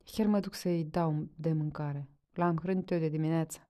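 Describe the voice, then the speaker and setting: A woman's voice: low voice, fairly even intonation, mellow, close to an everyday voice. A woman reading a story aloud voices a bitter male peasant who curses and refuses stubbornly. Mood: indignant. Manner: cursing, defiant.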